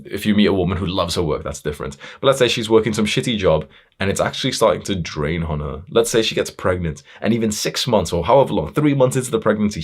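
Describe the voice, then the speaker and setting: Deep-voiced blunt man lecturing. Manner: blunt, confrontational, heavy swearing; fillers and self-restarts, building intensity. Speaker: motivational speaker. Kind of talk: blunt motivational monologue.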